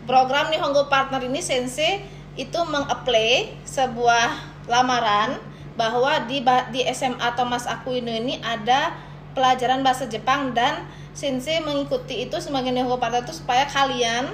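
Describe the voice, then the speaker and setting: A woman's voice: high-pitched, steady tone, normal speed, a bit bright. A woman with an Indonesian accent, a teacher explaining things conversationally as a podcast guest, with frequent tag words. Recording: echoey room with clear noise.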